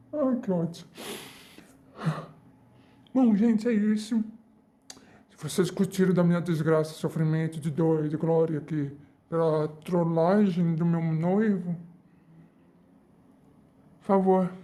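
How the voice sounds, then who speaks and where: A woman telling an acted fan role-play prank story in a dramatic way, switching between loud lines and whispered asides. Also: fairly low pitch.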